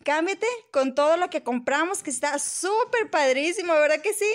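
Squeaky, sing-song Mexican woman, very high voice. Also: normal speed. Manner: bright, squeaky, sing-song, full of diminutives. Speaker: host of a children's gaming channel. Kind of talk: excited gameplay commentary for small children.

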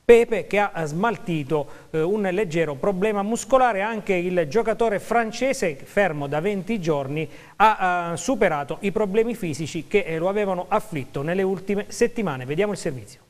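A man presenting the sports news on a local TV bulletin, reading in a brisk, formal way. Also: high voice, lively intonation.

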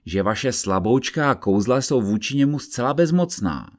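A man voicing a stern, agitated judge who speaks in an insistent, forceful way in an audiobook reading. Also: mid-range voice, animated, close to an everyday voice.

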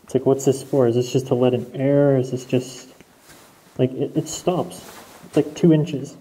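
A young Canadian urban explorer host, wearing a respirator mask, casually narrates his walk through an empty abandoned house, thinking aloud and laughing easily. His mid-range voice is steady and dark, at a normal speed, captured poorly on a camera mic.

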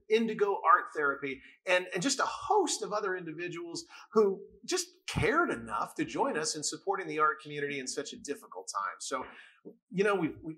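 A man's voice: fairly high pitch, sharp tone. A man co-hosting an arts awards show, upbeat and jokey as he makes a fundraising appeal.

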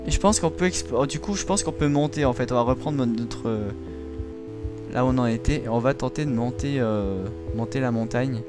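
A man's voice: mid-range voice, fairly quick. A young man hosting a casual game video, chatting to viewers with frequent giggles. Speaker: gaming video host. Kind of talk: casual let's-play commentary. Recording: game music playing behind.

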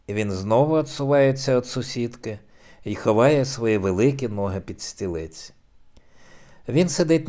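A man reading a novel aloud as an audiobook narrator, in a measured, even way. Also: medium pitch. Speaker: audiobook reader.

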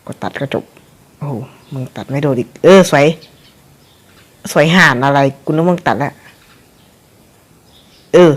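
A young man casually commentating his own gameplay, rambling and cursing at the game with frequent chuckles. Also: medium pitch.

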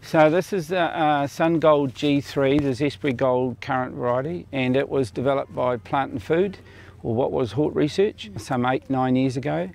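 Older man, New Zealand, orchard owner, gravelly voice, plain explanations, outdoor interview, lapel mic. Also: medium pitch, moderate pace, darkish tone, a little hiss or hum. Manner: plain, explanatory, with fillers and restarts. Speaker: orchard owner and company founder. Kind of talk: on-camera interview.

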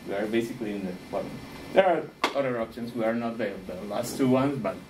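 A man's voice: mid-range voice, fast talker, background noise. Man giving a tech talk. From Costa Rica. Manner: friendly, laughs often, searches for words. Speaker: conference speaker.

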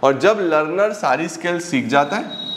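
Animated male teacher in an echoey room. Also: fairly high pitch, background noise. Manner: lively, repetitive teaching with rhetorical questions; slows right down to dictate English definitions. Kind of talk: exam-revision lecture.

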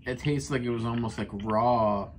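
A man making a casual, deadpan complaint as a prank caller, rambling in a gravelly voice. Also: mid-range voice, moderate pace. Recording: faintly noisy phone-camera recording.

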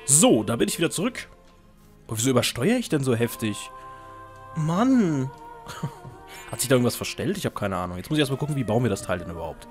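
Young man, gaming commentary, chatty, self-mocking, lively up-and-down voice, faint music behind. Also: mid-range voice. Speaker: let's play host.

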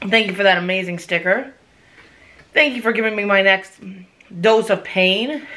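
Middle-aged woman, bright swooping voice, mouth burning from spicy food, runny nose, casual kitchen vlog, exclaiming. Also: mid-range voice. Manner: exclaiming with whews and short pained remarks. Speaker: vlogger doing a hot chip challenge. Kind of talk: casual reaction vlog to camera. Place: home kitchen. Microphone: camera across the table.

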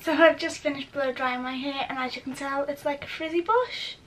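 A woman's voice: high voice, fairly even intonation, fairly quick, distant mic, music in the background, low-quality recording. A young woman chatting to camera as she walks viewers through each step of her routine at home. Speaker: beauty vlogger. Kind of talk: casual how-to chat to camera. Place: at home, indoors.

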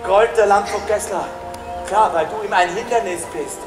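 A woman's voice: medium pitch, normal speed, roomy sound, big-room sound, over music, lightly acted. A woman playing a middle-aged farmer's wife in an amateur reading of a verse play, coaxing and affectionate with joking asides. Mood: urging. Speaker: amateur actor. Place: room at home.

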